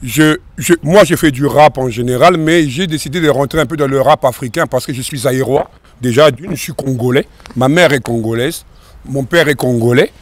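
A man in his thirties from France, a rapper, talking in a relaxed, rambling way in an outdoor interview into a handheld mic. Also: mid-range voice, moderate pace, no room sound. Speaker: rapper guest. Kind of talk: casual interview answers. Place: outdoors by a river in a park. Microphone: host's handheld mic.

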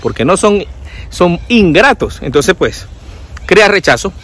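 Animated sarcastic man. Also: high-pitched, unhurried. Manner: sarcastic, animated, mimics people. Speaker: vlogger. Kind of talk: casual commentary vlog.

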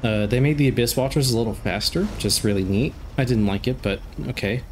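With a medium pitch and a quick pace, this young commentator chats and cracks jokes while playing, his nose blocked by a cold. He bursts out excitedly during fights in his casual let's play. A desk mic records him with slight hiss or hum.

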